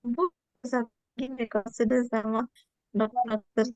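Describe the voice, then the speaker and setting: A woman's voice: fairly high pitch, little pitch movement, measured pace, darkish tone, no echo. A woman talking hesitantly on a video call, her voice choppy and breaking up over a bad connection. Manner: hesitant and apologetic. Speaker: participant in an online community meeting. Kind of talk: casual chat on a video call. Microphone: laptop or phone on a video call. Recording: muffled, dry video call audio.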